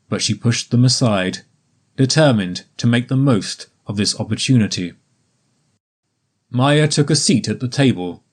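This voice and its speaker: A man narrating a graded story for English learners in a slow, careful, evenly paced reading. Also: medium pitch.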